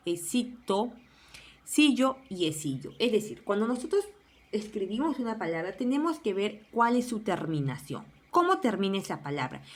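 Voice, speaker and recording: A woman teacher giving a spelling lesson, sounding out word endings one by one. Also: medium pitch.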